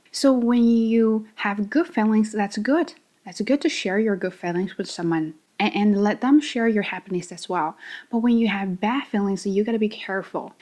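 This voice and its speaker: A woman hosting a podcast English lesson. She coaches the listener directly and shows intonation with big swings in pitch and loudness.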